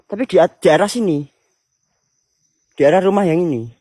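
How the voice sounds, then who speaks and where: Young guy on a ghost hunt vlog, hushed and low, dry close phone sound, crickets chirping. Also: normal speed, dry recording. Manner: hushed and low when calling out to spirits. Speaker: ghost-hunting vlogger. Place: abandoned villa at night, outdoors among crickets.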